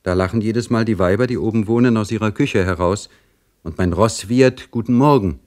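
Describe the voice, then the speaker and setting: A man's voice: on the low side, a little fast, a little mellow, voice pushed up, natural voice. A man reading a story, voicing a young male serf servant who talks eagerly and earnestly.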